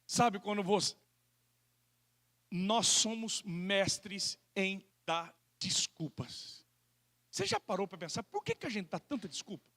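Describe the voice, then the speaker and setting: A male pastor with a Brazilian Portuguese accent preaches an animated sermon, acting out people's excuses in quoted voices. His voice sits high and his pace is slow.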